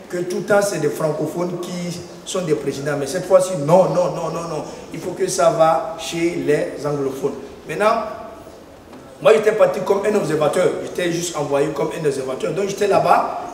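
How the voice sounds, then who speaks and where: A man giving an emphatic forum speech, repeating himself and pausing on fillers. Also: on the high side, darkish tone. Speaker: conference speaker. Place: large conference hall. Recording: echoey hall, distant mic, faint noise.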